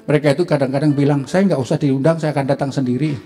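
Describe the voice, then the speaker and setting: A middle-aged man with an Indonesian accent, preaching a sermon as a pastor and telling a personal story, acting out the dialogue in a livelier, higher voice. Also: steady tone, fast, warm tone. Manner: storytelling, acts out dialogue with rising pitch, laughs. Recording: faint music behind.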